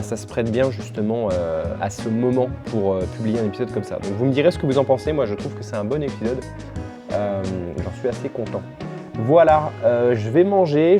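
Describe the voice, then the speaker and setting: A young man from France talks to his camera in a relaxed home vlog. His voice sits at an ordinary middle pitch. He rambles in a friendly way, stopping and restarting often. Faint music plays quietly behind him. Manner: chatty, with restarts and many fillers. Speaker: vlogger and language teacher. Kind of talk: casual vlog talk to camera.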